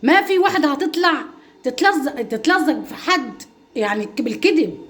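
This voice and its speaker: A middle-aged woman speaks in a livestream reply to her critics. Her voice is high and her talk rushes along. She pleads and presses each point, repeating herself for emphasis. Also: expressive. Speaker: mother and home-cooking vlogger.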